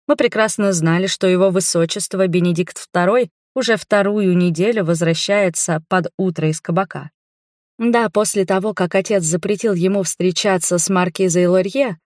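A woman's voice: mid-range voice, a little mellow, dry recording, clean studio sound. A woman reading a first-person novel aloud, narrating and voicing the characters in dialogue. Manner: voices several characters in dialogue. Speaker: audiobook narrator.

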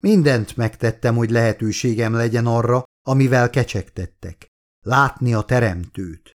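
A man's voice: mid-range voice, close to an everyday voice. A man voicing a frail, dying old man who speaks in a tired, weak voice. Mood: weary. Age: older.

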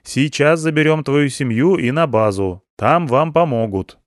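A man voicing a bossy male rescuer who keeps shouting his words in a story reading. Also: a little high, measured pace, no room sound, clean studio sound, pitched above the performer's own voice, natural voice. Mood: bossy, loud. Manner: shouting, emphatic.

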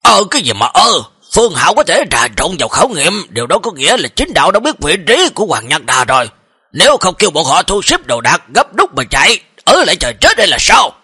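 A man playing a cold, commanding demonic sect leader in an audio story, barking orders and scolding. The voice is bright and swings widely in pitch. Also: wildly swooping pitch, fairly quick, slightly rough, no echo, studio quality, exaggerated voice. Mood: stern. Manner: scolding, shouts.

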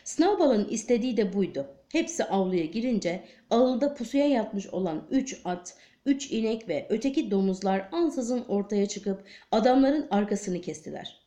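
A woman narrating an audiobook in a steady, measured storytelling manner. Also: medium pitch. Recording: echoey room.

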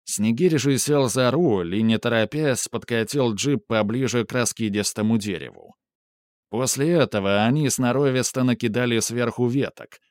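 A man narrating an audiobook in a steady, measured reading. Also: mid-range voice, no echo, clean studio sound. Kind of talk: scripted narration.

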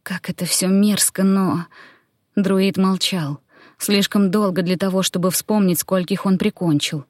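A woman's voice: mid-range voice, fairly even intonation, measured pace, dry recording, studio quality. A woman narrating an audiobook in the first person, with tense, dramatic storytelling.

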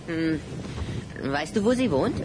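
Cheeky vampire kid, teasing n a bit menacing, bouncy pitch, radio play, noisy background. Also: very animated, slow. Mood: curious, scheming. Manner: teasing, impudent. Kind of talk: German children's radio play acting.

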